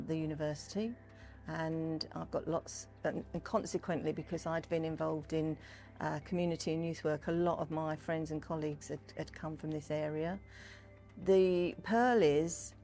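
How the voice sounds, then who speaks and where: A woman's voice: low voice, gravelly, darkish tone. An older woman, chatting in a discursive, storytelling way as she gives an informal interview. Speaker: Pearly Queen and community fundraiser, interviewee. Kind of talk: informal interview talk about history and culture.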